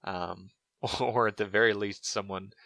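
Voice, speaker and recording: Bright-voiced man co-hosting a chatty podcast. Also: fairly low pitch, fairly even intonation, a little slow, gravelly, no room sound. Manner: rambling, with many fillers and restarts. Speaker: podcast co-host. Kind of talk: casual podcast chat.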